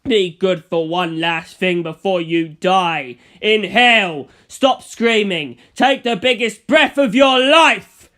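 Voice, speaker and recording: A man voicing a cruel, domineering male vampire villain in an audiobook, raging with snarling contempt and shouted abuse. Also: high voice, slow pace, few pauses, full character voice. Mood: commanding, furious. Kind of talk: audiobook character acting.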